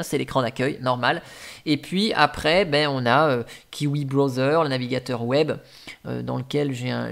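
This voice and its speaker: A man's voice: fairly high pitch, gravelly. Chatty man walking through a phone app. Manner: chatty, many fillers and restarts. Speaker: tech tutorial host. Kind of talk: casual screen-recording walkthrough.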